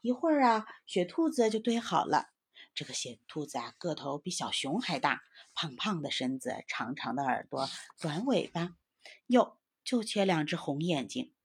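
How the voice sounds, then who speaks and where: A woman narrating a bedtime story for children in a gentle, expressive voice, speaking to little listeners. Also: deep voice, normal speed, husky.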